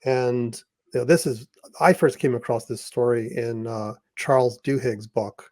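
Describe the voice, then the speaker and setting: A man's voice: medium pitch, steady tone, unhurried, a little mellow, no room sound. A man hosting an interview, telling a story with enthusiasm and plenty of fillers and restarts. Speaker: podcast host and author.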